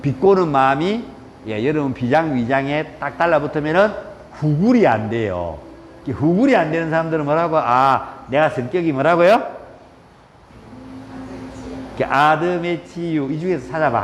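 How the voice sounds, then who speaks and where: A man leads a live yoga class, his voice sitting a little high. He chats, teases his students and counts through each pose aloud. The sound carries a long echo from the studio, with faint room ambience behind it. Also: a little hiss or hum. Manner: chatty, teasing, counts poses aloud. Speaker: yoga instructor.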